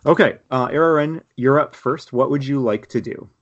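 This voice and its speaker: A man's voice: medium pitch, moderate pace. A man narrates as game master for a tabletop game. He describes each scene in a loose, meandering way, with plenty of fillers and restarts. The recording sounds slightly dull and lo-fi. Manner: loose, rambling description full of "like" and "uh".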